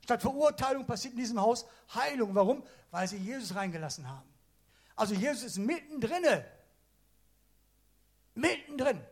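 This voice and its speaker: Husky high-voiced lively preacher man. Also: moderate pace, pauses often. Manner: colloquial, animated storytelling with slang. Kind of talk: casual lively sermon.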